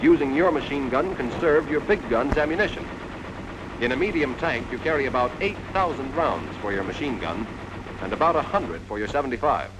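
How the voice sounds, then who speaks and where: An American man narrates a 1940s army instructional film on a vintage soundtrack, speaking straight to the trainee as "you" in a scripted, instructive way. His voice sits at medium pitch, animated and a little fast, with background noise behind it.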